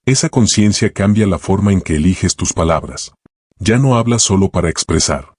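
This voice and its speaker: A man narrating a self-help audiobook in a calm, measured way, speaking in short reflective phrases. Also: deep voice, husky, no room sound, clean studio sound.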